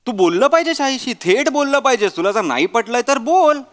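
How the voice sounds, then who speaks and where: A man's voice: very high voice, very animated, fairly quick, a bit bright, full character voice. A man playing a harried young husband caught between his wife and his mother, exasperated and preachy, with a Marathi accent. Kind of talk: sketch comedy acting.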